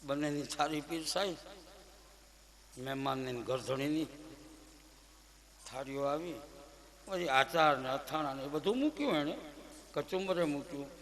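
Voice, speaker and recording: A man from Gujarat telling a devotional story as a sermon, lively and acting out the people in it. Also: on the high side, measured pace, long pauses, long reverb tail. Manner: lively storytelling, acts out characters, loud swings. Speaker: religious storyteller.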